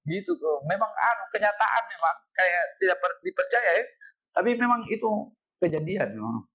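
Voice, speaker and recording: Animated middle-aged man. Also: high voice, moderate pace, breathy edge. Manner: animated, repeats phrases, ends with "Pak". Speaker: head of city education office, guest. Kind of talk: casual storytelling in an interview.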